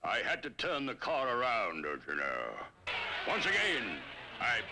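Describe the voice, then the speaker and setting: A man's voice: mid-range voice, huge pitch swings, a little slow, sharp tone, heavily acted. A man voicing a pompous, boastful old cartoon commander, telling tall tales dramatically. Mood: smugly boastful. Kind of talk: cartoon storytelling. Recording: music behind, old cartoon soundtrack.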